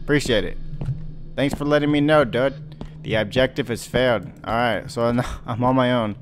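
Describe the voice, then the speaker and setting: A man's voice: mid-range voice, normal speed, noisy background. A young man as a scared horror game streamer, giving casual, jumpy commentary with panicky repeated exclamations and swearing. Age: young adult. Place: home bedroom, indoors. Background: game music.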